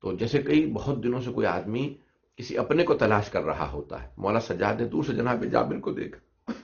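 A man's voice: on the low side, lively intonation, moderate pace, vocal fry. A man reciting a mourning sermon in an emotional voice that breaks into sobs, in a dull lo-fi recording. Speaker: religious orator.

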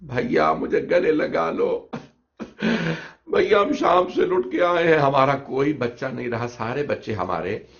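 A man voicing a grieving noble woman who wails for her brother in a high, sobbing voice, in a dull lo-fi recording. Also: wildly swooping pitch, extremely slow, gravelly, pauses often, heavily acted. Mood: wailing grief.

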